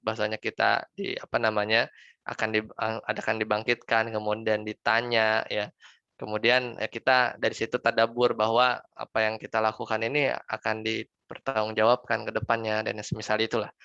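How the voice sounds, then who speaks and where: A man, an Islamic teacher, giving a religious lesson, hesitating with fillers and slowing down to recite verses. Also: mid-range voice, vocal fry, pushed and bright, clean tone, dry recording, highs cut off. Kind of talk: religious lesson on Quran reading. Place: online study session.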